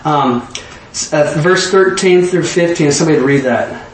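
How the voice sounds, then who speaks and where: A man teaching an informal bible lesson in an animated way, often slipping into voices. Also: a little high, moderate pace, a little hiss or hum. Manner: animated, jumps into acted-out voices. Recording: roomy echo from a distant mic.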